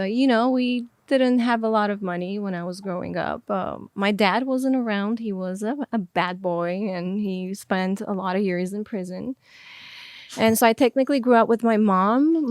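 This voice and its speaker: A woman's voice: mid-range voice, no echo. A young adult woman born in Armenia, talking candidly as a podcast guest with lots of fillers as she thinks aloud. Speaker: podcast guest, music video director. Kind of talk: casual interview chat.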